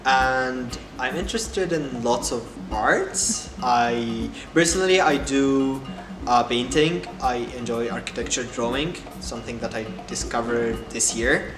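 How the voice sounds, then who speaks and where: A man's voice: mid-range voice, measured pace. A man from Cairo, Egypt, answering interview questions thoughtfully, with frequent ums and restarts. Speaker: guest artist. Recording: echoey room with loud background music.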